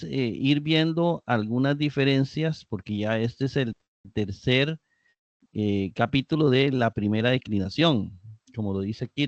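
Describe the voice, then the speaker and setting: Slow, deliberate male teacher. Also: mid-range voice, no echo, lo-fi sound. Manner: slow and deliberate, spelling words out syllable by syllable. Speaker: Greek teacher. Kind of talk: live online grammar lesson.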